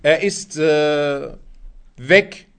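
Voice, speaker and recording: A man with a fairly high voice teaches at an unhurried, deliberate pace, like a preacher giving a lesson. He explains step by step and keeps asking his listeners questions he then answers. He drops recited Arabic phrases into his German. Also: a bit bright, clean tone. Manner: explanatory, asks the audience rhetorical questions. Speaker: Islamic preacher. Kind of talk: sermon-style lesson on Quran exegesis.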